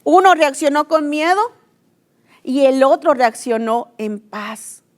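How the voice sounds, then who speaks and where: High-voiced woman preaching a sermon. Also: expressive, slow pace. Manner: earnest storytelling of scripture, acting out quoted cries.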